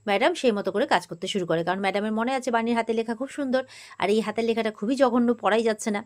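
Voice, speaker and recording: On the high side and fast-talking, a woman with a West Bengal accent gives a chatty spoken recap of a TV serial for her channel. Her storytelling is informal, and she drops into the characters' quoted dialogue as she goes.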